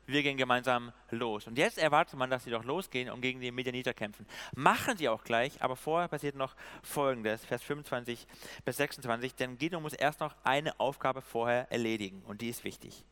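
A man preaching a casual sermon in a lively, informal way, with slang and playful sound effects. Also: medium pitch, a little fast, clean tone.

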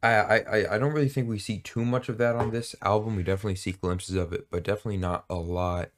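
A man's voice: on the low side, steady tone, quick pace, slight background noise. A man co-hosting a casual music podcast, talking in a rambling, hesitant, jokey way with many fillers. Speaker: podcast co-host. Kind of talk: casual chat.

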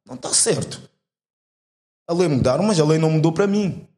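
A man's voice: fairly high pitch, expressive, fairly quick, mellow. A young man speaks heartfelt and argumentative in an earnest conversation, using casual slang. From Portugal. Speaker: guest.

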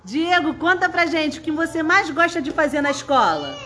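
A woman's voice: high voice, very animated, moderate pace, bright, forceful tone, slight background noise. A woman, a preschool teacher coaxing small children in a school podcast interview. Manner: sing-song, coaxing, talks to small children.

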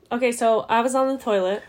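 A woman with a fairly high, mellow voice co-hosts a casual comedy podcast. She chats and laughs while telling stories about her pets.

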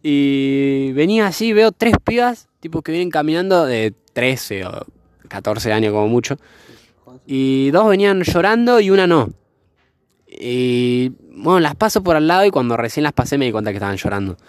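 A man's voice: mid-range voice, lively intonation, normal speed, no echo. Slangy young guy telling a story. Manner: rambling, slangy, swears freely, laughs often. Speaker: vlogger. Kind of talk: casual storytelling chat. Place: outdoors by a fire.

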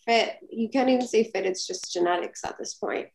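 A woman's voice: fairly high pitch, brisk, creaky. A woman co-hosting a casual chat, telling a long anecdote with lots of "like" fillers. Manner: rambling, animated, frequent "like" fillers. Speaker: podcast co-host.

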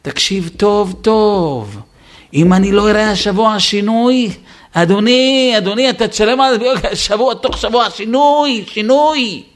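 A man voicing a frantic, nagging man who shouts urgent, repeated commands at others. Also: sits high, voice pushed up, natural voice. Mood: threatening.

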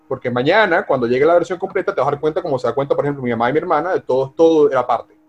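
Hosting a live online coaching talk over a video call, a man speaks emphatically and directly to listeners by name, correcting himself often. His voice is a little high and racing, the highs are cut off, and soft music plays in the background.

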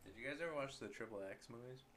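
A man's voice: medium pitch, very fast, reverberant, a loud crowd. A man co-hosting a podcast, making wisecracks and teasing his friends in casual chat. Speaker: podcast co-host.

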